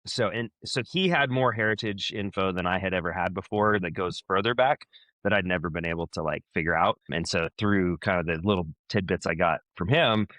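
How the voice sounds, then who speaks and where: A man with a lowish voice tells relaxed stories as a guest on a chat show, often restarting his sentences. He grew up in Southern Oregon, and the sound is close and dry. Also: no echo. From Southern Oregon, USA. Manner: easygoing storytelling with many restarts. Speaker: guest musician. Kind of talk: casual chat.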